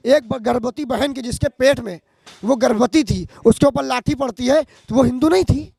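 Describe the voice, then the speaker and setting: Brief: outspoken local man, very high pitch, fiery street-interview orator. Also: moderate pace, creaky, a little mellow, slightly rough, dry recording, clean studio sound.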